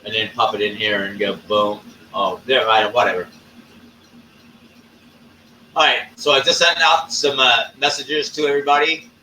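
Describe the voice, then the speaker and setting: A man hosting a live stream, talking casually and ranting with lots of swearing and drawn-out fillers. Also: mid-range voice, steady tone, sharp tone, far from the mic, a little hiss or hum. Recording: echoey room, off-mic.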